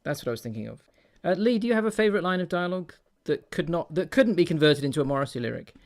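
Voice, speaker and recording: A man's voice: a little high, quick pace. Rambling man hosting a film podcast. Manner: relaxed, rambling, restarts often. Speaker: podcast host. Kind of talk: casual film chat.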